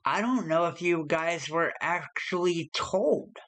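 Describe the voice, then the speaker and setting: A woman game master narrating a tabletop game in a halting, deliberate way. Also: fairly low pitch, animated, fairly bright tone.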